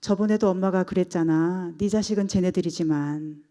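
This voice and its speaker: A gentle older mother comforts her worn-out daughter in a low, soft voice that sinks almost to a whisper, as a woman preacher puts her on. The tone is mellow and warm, with no edge to it. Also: normal speed, lightly acted. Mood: tender. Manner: soft and tender, near a whisper at times.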